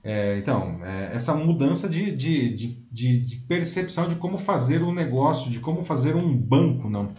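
A man's voice: medium pitch, expressive, normal speed, hardly any pauses, warm tone, echoey room. A man co-hosting a live talk show, explaining at length in casual commentary and ending his points with tag questions. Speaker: co-host.

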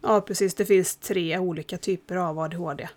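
A woman chatting in a relaxed conversation, thinking aloud about her children. She speaks at a measured, reflective pace and keeps a calm, even tone. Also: fairly low pitch. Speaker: parent. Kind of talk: casual podcast chat.

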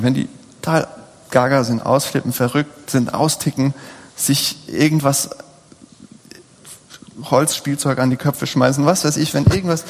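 A man's voice: mid-range voice, husky. A man in his thirties preaching a sermon in a conversational way, often putting rhetorical questions to the audience. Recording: long hall reverb.

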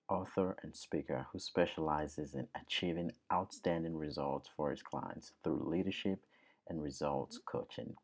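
Very deep man reading a podcast intro. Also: a little mellow. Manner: formal, read aloud. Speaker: podcast host. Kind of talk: scripted show intro.

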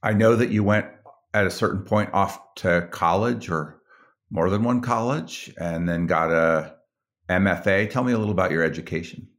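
A man's voice: deep voice, normal speed. A man hosting a podcast, opening the show and asking his guest plain, conversational questions. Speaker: podcast host. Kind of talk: podcast intro and interviewing.

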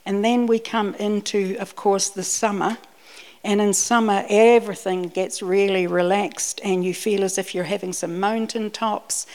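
Her voice is medium-pitched, steady, and a little mellow, moving at a measured pace. A Scottish-born woman raised in New Zealand, she gives a personal, anecdote-filled sermon in a conversational way, echoing words when she starts over.

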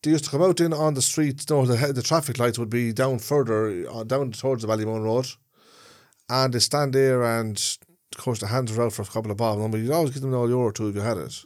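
In this casual podcast chat, the co-host with a Dublin Irish accent talks fast in a steady, mid-range voice. He rambles through his stories and checks in with his listener using "yeah?"

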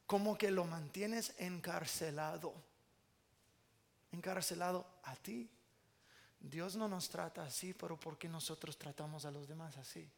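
A man's voice: fairly high pitch, unhurried, creaky. A man preaching a sermon as pastor, earnest with playful asides, speaking Spanish with an American English accent.

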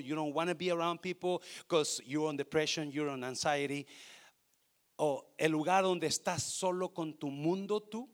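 In a fairly high voice, a man preaches a sermon that swings from loud, emphatic lines to soft, hushed storytelling. He mixes in bits of English along the way.

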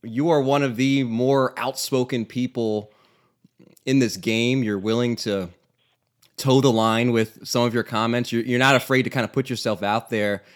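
A man's voice: mid-range voice, fairly even intonation, moderate pace. A man hosting an interview podcast, asking friendly, hedged questions in a casual way and laughing easily.

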